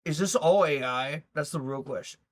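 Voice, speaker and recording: A man's voice: fairly high pitch, normal speed. A man streaming live, reacting to a video in loose, rambling chat, swearing and talking to his viewers.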